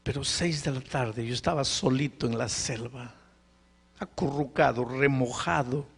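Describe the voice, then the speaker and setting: A pastor preaching to a live congregation, telling a story with dramatic pauses and anguished questions. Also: male voice, medium pitch, vocal fry, slightly rough. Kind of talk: narrative sermon storytelling. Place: live sermon before a congregation.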